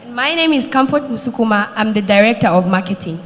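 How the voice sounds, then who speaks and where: Fairly high young woman pitching. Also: animated, fast talker. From Zambia. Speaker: student marketing director presenting. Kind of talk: scripted competition pitch. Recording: reverberant hall.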